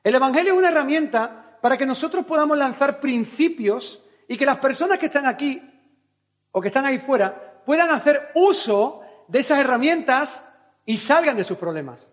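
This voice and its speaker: Pastor guy from spain, spanish accent, really high voice, fired-up sermon with lots of questions. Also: animated, normal speed. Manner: fervent preaching with rhetorical questions. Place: church service.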